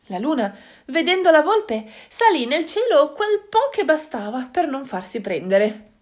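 A woman reading a children's story aloud, expressive, with dramatic hushed moments. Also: high-pitched, a little slow.

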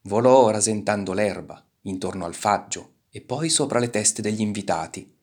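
A man reading a children's storybook aloud with animated, expressive delivery. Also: fairly low pitch, normal speed. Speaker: narrator.

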